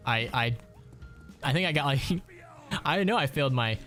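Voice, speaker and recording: A man's voice: medium pitch, expressive, moderate pace, fairly bright tone, soft background music. A man in his late twenties from Ohio, chatting casually and profanely while gaming on a stream. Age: late 20s. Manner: rambling, profane storytelling.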